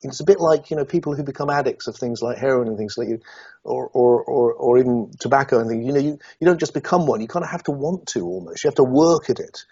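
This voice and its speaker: A man's voice: medium pitch, fast, breathy edge, no echo, lo-fi sound. A middle-aged man from Somerset, England, a guest in an interview, talking reflectively and hesitantly, with many restarts. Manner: hesitant, many restarts, animated when recounting.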